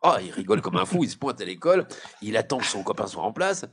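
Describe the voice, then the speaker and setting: A man's voice: on the low side, fast, creaky, slightly rough. A man telling a comic schoolboy joke on a radio panel, acting out the voices of the characters. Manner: lively storyteller, acts out the characters' voices. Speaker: humorist telling jokes.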